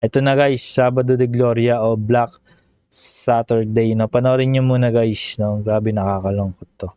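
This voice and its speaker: A man's voice: mid-range voice, fairly even intonation, normal speed, mellow, smooth, dry recording. A man vlogging casual reaction commentary over a video, chatty and emotional, often ending phrases with a questioning tag.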